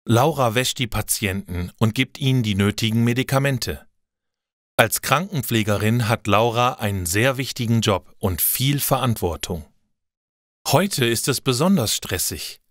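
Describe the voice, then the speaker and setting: Clear, slow male story reader. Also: mid-range voice, lively intonation, a bit bright, no echo, studio quality. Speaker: narrator. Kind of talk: scripted narration for language learners.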